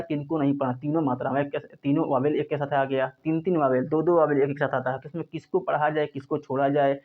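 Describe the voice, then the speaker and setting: A man with a fairly high voice teaches a phonics class, repeating each rule and quizzing students before answering himself. He talks casually and keeps reassuring them. The sound is thin and tinny, as if from a phone line. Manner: calls students "बच्चे लोग" and says "यार", casual and reassuring. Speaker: English teacher. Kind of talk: classroom lesson explaining phonics rules.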